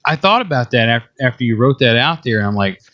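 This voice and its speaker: A man's voice: medium pitch, animated, brisk, fairly bright tone. A man hosting a casual gaming podcast, chatting loosely with a guest, with frequent restarts and filler words. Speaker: podcast host. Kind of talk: casual chat. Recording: muffled lo-fi audio.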